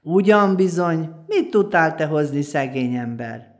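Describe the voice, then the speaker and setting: A woman's voice: sits low, expressive. A woman playing a greedy mocking palace guard. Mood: scornful. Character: greedy scheming gate guard, man. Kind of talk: folk tale storytelling.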